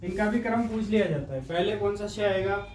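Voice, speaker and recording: A man teaching a Sanskrit exam-prep lesson, slowly drilling letters one by one. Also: sits high, a little mellow. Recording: echoey room, mic far off.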